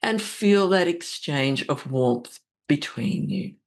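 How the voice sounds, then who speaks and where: A woman with a deep-set voice leads spiritual narration and guided meditation. She speaks very unhurriedly, placing phrases deliberately. Her delivery is gentle and soothing throughout. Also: lively intonation. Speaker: astrology host and meditation guide.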